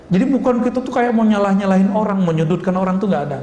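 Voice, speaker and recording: A man preaching a lively sermon and asking the audience questions, now and then acting out scolding voices. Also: sits high, rapid-fire. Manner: animated, acts out scolding voices, laughs. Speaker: Islamic preacher. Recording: echoey hall recording with ambience.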